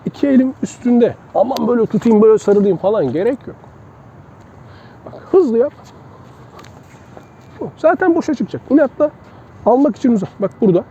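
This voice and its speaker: With a very high-pitched, mellow voice, a man instructing self-defense speaks expressively and a little fast, pausing often, as he casually addresses students and demonstrates moves with a partner. It's an outdoor session captured in dull lo-fi sound with faint traffic.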